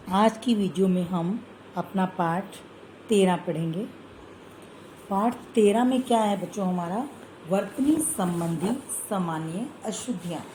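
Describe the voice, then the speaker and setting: A woman teacher giving an online lesson to children, slowly reading out word pairs and often checking that they follow. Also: mid-range voice, mellow, slight background noise, rough recording. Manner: slow and careful, reading word pairs aloud and often asking "theek hai?".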